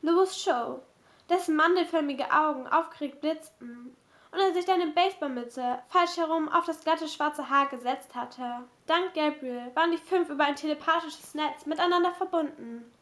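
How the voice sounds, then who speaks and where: A woman reading a novel aloud in steady, measured narration. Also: high voice. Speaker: audiobook reader.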